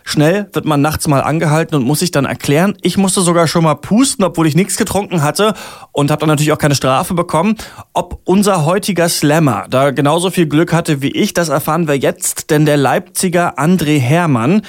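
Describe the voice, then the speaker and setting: A male radio host introduces the next act in a chatty, upbeat way. His voice sits a little higher than most men's.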